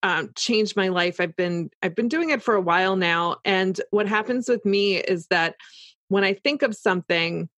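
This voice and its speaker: A woman's voice: mid-range voice, moderate pace, a bit bright, dry recording. A woman in casual, explanatory conversation, talking through examples as if voicing her own thoughts.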